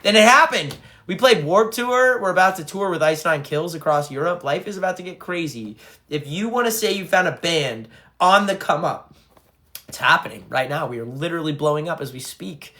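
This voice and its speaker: Animated and speaking at a moderate pace, a young frontman goes live on his phone, reading fan comments and chatting between them. His voice runs a bit high for a man, with a bright, forceful edge.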